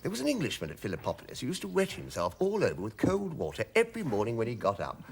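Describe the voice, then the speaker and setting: A man's voice: mid-range voice, wildly swooping pitch, quick pace, vocal fry, a little hiss or hum. An actor playing a genial, blustering middle-aged army major who chuckles as he talks. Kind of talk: stage play acting.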